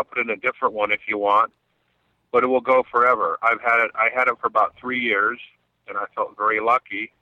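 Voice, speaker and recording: A man leaving a voicemail for a call-in show, talking in a conversational, slightly halting way. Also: medium pitch, no room sound. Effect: played voicemail message. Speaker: caller. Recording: dull lo-fi voicemail line.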